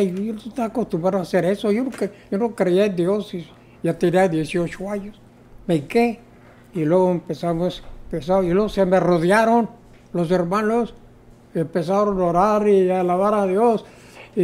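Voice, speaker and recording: A man's voice: high voice, dark tone. An older man, telling his personal testimony as an interview guest, hesitant, with many fillers. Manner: storytelling, hesitant with repeated fillers. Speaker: interview guest, former co-pastor.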